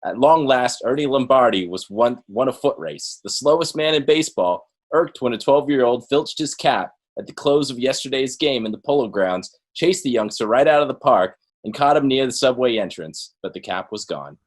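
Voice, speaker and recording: A man putting on an old-timey 1940s baseball announcer voice, reading a period newspaper story aloud with theatrical, drawn-out emphasis. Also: mid-range voice, animated, voice pushed up, lightly acted.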